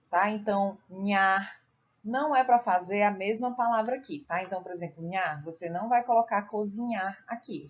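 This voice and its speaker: Patient woman teacher on a lo-fi recording. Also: medium pitch. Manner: patient, explains step by step, uses tag questions. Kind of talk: recorded classroom lesson walking through a workbook.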